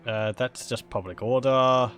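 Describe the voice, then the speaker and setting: A man giving casual, halting gameplay commentary, thinking aloud as he chats with his viewers. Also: mid-range voice, steady tone, fairly bright tone. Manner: musing aloud, chuckling, halting. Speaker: video game streamer. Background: game music.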